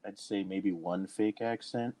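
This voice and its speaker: Low-voiced man leading a rambling chat. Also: fairly even intonation, a little slow, mellow. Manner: rambling, restarts sentences often, leads the discussion. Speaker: podcast co-host. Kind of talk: casual chat.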